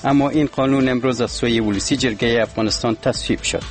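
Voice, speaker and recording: A man reading the radio news in a steady, formal way. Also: medium pitch, faint music behind. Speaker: newsreader. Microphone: studio mic.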